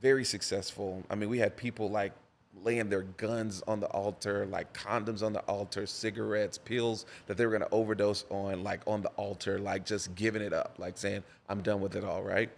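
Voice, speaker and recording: A man's voice: fairly low pitch, moderate pace, vocal fry. A man, a pastor and podcast guest, telling personal stories in a conversation with a preacher's cadence and lots of repetition for emphasis. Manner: animated storyteller, preacher's cadence, repeats for emphasis. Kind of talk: conversational storytelling interview.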